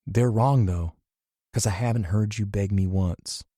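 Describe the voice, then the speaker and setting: Brief: man reading a swaggering rock star, very low voice, dry close sound. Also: unhurried, mellow, dry recording. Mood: flirtatious.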